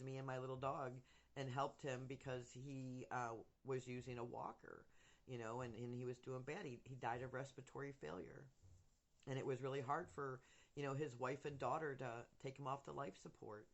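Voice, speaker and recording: A man's voice: mid-range voice, gravelly, fairly bright tone. Middle-aged man, lispy from missing teeth. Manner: candid, rambling, emotionally open. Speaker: content creator updating followers. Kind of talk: casual personal vlog monologue.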